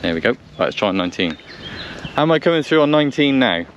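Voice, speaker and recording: Very animated and fast, a medium-pitched man chats to camera and runs radio checks for a casual outdoor vlog, hesitating as he thinks aloud. He's beside a vehicle in the countryside, the recording has its highs cut off, and vehicle noise carries in the background.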